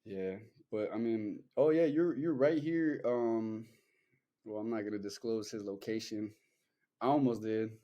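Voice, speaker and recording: A man's voice: fairly low pitch, measured pace, mellow, dull audio. A young man hosting a podcast, chatting loosely and rambling with lots of fillers and swearing. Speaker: podcast host. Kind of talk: casual chat.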